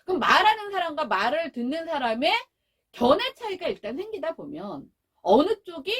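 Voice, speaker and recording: A woman with a high, lively voice gives a lecture and swings her pitch widely as she tells stories. She is middle-aged and brings anecdotes to life by acting out the voices in them, a parent educator speaking to an audience. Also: moderate pace. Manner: animated storytelling, acting out quoted voices.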